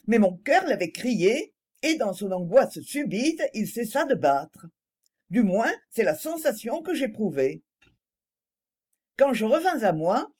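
A woman's voice: fairly high pitch, a little mellow, slightly rough. A woman narrating a novel in the first person, reading expressively as scripted audiobook narration.

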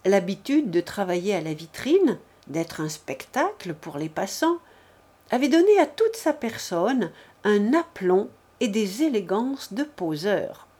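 A woman narrating a literary novel as an audiobook, reading in a measured, deliberate way. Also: mid-range voice, big pitch swings, warm tone, slightly rough.

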